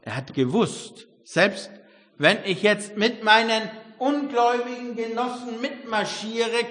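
An older man preaching a sermon, emphatic, swinging between loud exclamations and quiet reflection. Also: very high-pitched. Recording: long hall reverb.

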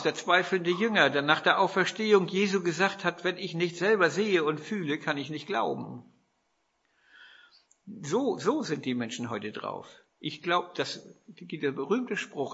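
Bright, husky-voiced preacher man. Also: a little high, dull audio. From northern Germany. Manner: storytelling with rhetorical questions and quoted dialogue. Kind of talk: sermon.

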